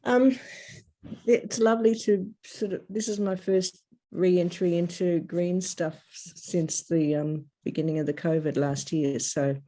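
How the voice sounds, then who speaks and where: A woman speaks slowly and reflectively over a laptop mic, pausing often on fillers. Her tone is mellow and dark. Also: fairly low pitch, steady tone. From Australia. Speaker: workshop participant. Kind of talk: casual discussion on a video call. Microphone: laptop webcam on a video call.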